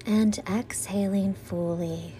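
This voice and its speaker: Slow, mellow woman guiding a meditation. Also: mid-range voice, steady tone, slight background noise, rough recording. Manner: soothing, gentle, breathy exhales on breathing cues. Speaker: guided meditation teacher. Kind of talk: guided meditation narration, like a sleep story narrator.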